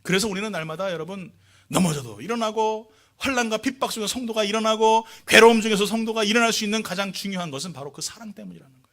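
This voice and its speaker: Animated high-voiced male pastor preaching. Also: quick pace. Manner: animated preaching, rising to loud exhortations, coaxing the congregation. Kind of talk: sermon. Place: church sanctuary.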